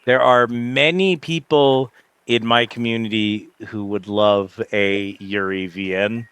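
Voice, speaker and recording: A man's voice: on the low side, steady tone, slow pace, fairly bright tone, smooth, dry recording. A man hosting a livestream, chatting casually over a game in a rambling, reflective way and often searching for words. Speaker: livestream host. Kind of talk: casual livestream chat while gaming.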